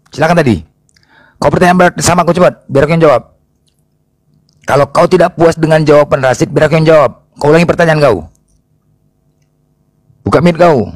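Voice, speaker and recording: A man, arguing in a heated voice-chat debate, lecturing and mocking with repetitive, forceful phrasing. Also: on the high side, dry recording, studio quality. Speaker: debate responder.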